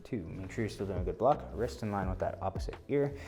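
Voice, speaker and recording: A man's voice: fairly low pitch, fast talker, warm tone, soft background music. A man teaching a martial arts class as instructor, giving short, clipped counts and commands and explanations of drills. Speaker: taekwondo instructor.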